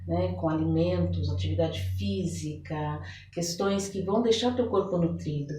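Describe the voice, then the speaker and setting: A Brazilian Portuguese-accented woman with a lowish, warm voice talks at a normal speed. Interviewed as a holistic therapist and folk blesser, she explains her practice conversationally, pausing to reflect and frequently checking the listener agrees. The recording has a distant mic, room echo and a faint noise floor.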